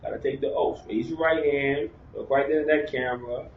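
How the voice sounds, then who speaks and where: A man's voice: on the high side, fairly even intonation, brisk. A man hosting a casual sports interview, chatty, with lots of fillers and repeated words. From Bahamas. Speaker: interview host. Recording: roomy, distant, dull with faint noise.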